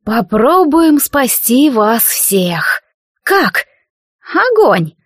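A harsh, scheming peasant mother of middle years snaps orders in a raised, sharp voice, as a woman reading a storybook puts her on. The sound is dry and close. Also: sits high, big pitch swings, very slow, no room sound, voice pushed up, heavily acted. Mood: decisive.

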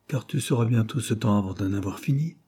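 A man's voice: on the low side, a little fast, mellow, husky. A man voicing a meek, timid little working man who speaks plaintively and hesitantly.

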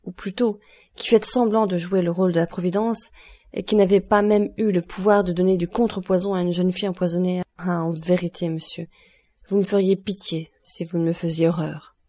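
A woman's voice: fairly low pitch, level tone, moderate pace, dark tone, breathy edge. A woman reading the lines of an anguished young man, desperate and furious, with passionate, pleading outbursts. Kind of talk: audiobook reading of a novel.

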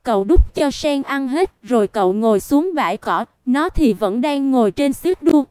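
High, smooth-voiced woman narrating a story. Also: expressive, moderate pace, darkish tone, dry recording. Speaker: audiobook narrator.

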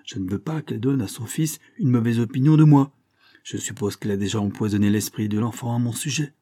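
A man's voice: medium pitch, a little fast, dark tone, close to an everyday voice. A man reading aloud, voicing an irascible, gouty old English earl who growls out scornful outbursts. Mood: angry.

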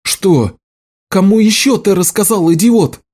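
A man reading aloud and voicing a fierce young village woman who shouts in outrage. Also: sits high, animated, unhurried, pitched above the performer's own voice. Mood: furious.

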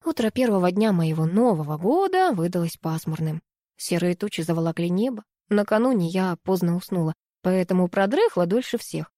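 A woman reads a first-person audiobook gently and expressively. Her voice is mellow and warm, recorded dry and close to the mic. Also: on the low side, lively intonation, brisk, dry recording. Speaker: audiobook narrator.

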